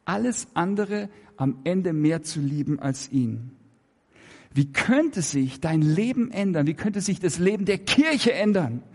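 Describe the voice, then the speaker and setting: A man preaching a sermon, emphatic and full of rhetorical questions, swinging between raised and hushed delivery. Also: a little high, expressive, unhurried, breathy edge, big-room sound.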